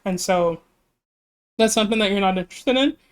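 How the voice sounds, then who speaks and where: Talking a little fast in a smooth, mid-range voice, the music reaction YouTuber rambles casually in a reaction video. Self-deprecating and apologetic, they laugh frequently and are slightly losing their voice.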